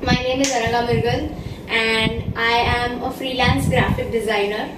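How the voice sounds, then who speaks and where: A woman's voice: fairly high pitch, steady tone, moderate pace. A woman in her twenties from India, chatting casually as a vlogger, talking with her hands while sitting in a bedroom. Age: 20s. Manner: chatty, gestures with both hands. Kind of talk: casual Q&A chat. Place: bedroom, indoors. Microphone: far camera. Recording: echoey room, far from mic, loud hiss.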